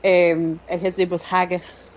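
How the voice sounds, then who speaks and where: A woman's voice: on the low side, flat delivery, unhurried, darkish tone, slight background noise, poor audio. A woman chatting casually while gaming, telling stories with fillers and restarts. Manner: chatty storyteller, hesitant with fillers. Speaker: co-player on a farming sim stream. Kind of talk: casual chat.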